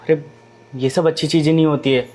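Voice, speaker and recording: A man's voice: fairly high pitch, fairly even intonation, fairly quick, darkish tone. A man playing a shopkeeper and later a worried husband in a short social-message skit, by turns dismissive and pleading. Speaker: chemist, later patient's husband.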